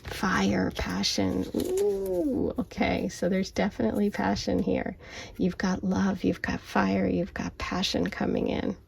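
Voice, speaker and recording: A woman giving a casual tarot and oracle card reading in a soft whisper at home at night, intuitive and reassuring, often saying okay. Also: medium pitch, slow pace, gravelly, a little hiss or hum. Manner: whispering softly, often unvoiced. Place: home at night, lamp light.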